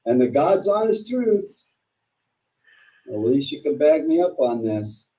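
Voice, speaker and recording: A man's dark, relaxed voice comes through from some distance off the microphone. He rambles casually as a live stream host, with blunt, combative, sweary talk. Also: on the high side, slow pace. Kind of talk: casual rambling livestream monologue.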